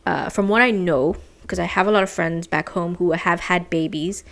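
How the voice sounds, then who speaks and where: A woman's voice: lowish voice, normal speed, creaky. A young adult woman from the Caribbean, heavily pregnant and a little out of breath, chatting casually on her podcast with lots of "like" and "you know". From Saint Martin, Caribbean. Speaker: podcast host. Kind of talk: casual personal update.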